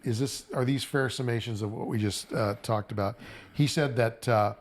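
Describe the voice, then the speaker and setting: A man's voice: mid-range voice, steady tone, normal speed. A man hosting a casual panel podcast, asking clarifying questions and checking that terms are understood. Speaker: podcast host.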